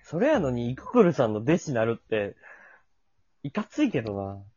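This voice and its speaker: A man's voice: medium pitch, huge pitch swings, normal speed, a little mellow, husky, no echo, lo-fi sound. A man with a Kansai accent in casual, colloquial chat.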